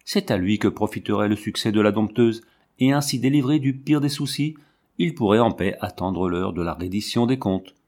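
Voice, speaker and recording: A man narrates a novel in a low, measured voice with expressive phrasing. The reading is steady and scripted. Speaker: audiobook reader.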